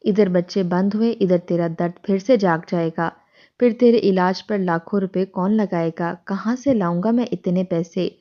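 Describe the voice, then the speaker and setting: A woman voicing a short-tempered, domineering middle-aged husband who scolds his wife roughly, in a dull lo-fi recording. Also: medium pitch, lightly acted. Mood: angry.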